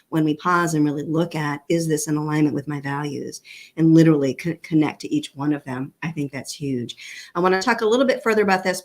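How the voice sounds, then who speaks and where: Female host from New England, low voice, encouraging, asks long winding questions. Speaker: talk show host. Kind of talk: live talk show hosting.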